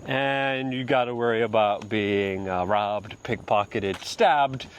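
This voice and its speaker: A man's voice: lowish voice, slow pace, a little hiss or hum. A man from Poland hosting a casual walk-and-talk commentary outdoors, rambling with fillers and restarts. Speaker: host.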